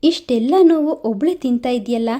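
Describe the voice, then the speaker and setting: A woman's voice: a little high, normal speed, warm tone, natural voice. A woman voicing a kind, caring village woman who talks earnestly like an elder sister in a storybook reading. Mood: reproachful.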